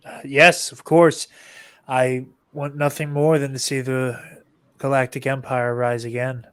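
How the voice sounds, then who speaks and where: A man's voice: mid-range voice, level tone, unhurried, fairly bright tone, clean tone, lightly acted. A man voicing a male ex-imperial officer who speaks in an eager, deferential way.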